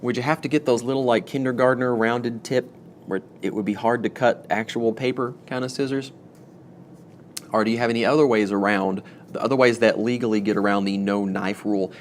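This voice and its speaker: A man of ordinary, middle pitch chats to his viewers in a loose, rambling way, full of self-mocking asides. He sounds a touch wired, as if he has had too much coffee. A faint noise sits behind his voice. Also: steady tone, brisk. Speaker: homestead channel host. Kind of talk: casual talk to camera.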